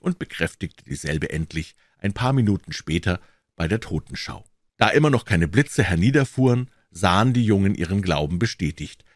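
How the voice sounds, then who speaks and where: A man reading a novel aloud as an audiobook narrator, telling the story in an expressive, dramatic way. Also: low voice, no room sound, clean studio sound.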